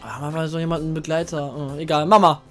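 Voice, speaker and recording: A woman's voice: deep voice, fairly even intonation, fast talker. A woman let's player reading game text aloud and commenting casually. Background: video game music.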